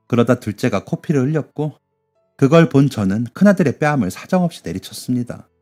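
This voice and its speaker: A man reading a listener's sad life story aloud in the first person, in a steady, mournful way. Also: mid-range voice.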